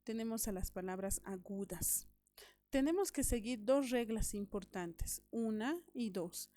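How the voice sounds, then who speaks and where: A woman's voice: on the high side, lively intonation, unhurried, dark tone, no echo. A woman teaching a recorded grammar lesson to young pupils, explaining step by step, repeating key points and checking that they follow. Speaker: primary school teacher.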